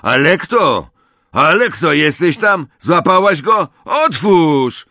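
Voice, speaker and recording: A man's voice: a little high, very animated, takes it slowly, bright, forceful tone, no echo, studio quality, pitched above the performer's own voice, full character voice. A male audiobook reader voicing a coarse, brutal wizard thug who snarls and bellows. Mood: furious. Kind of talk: audiobook character reading.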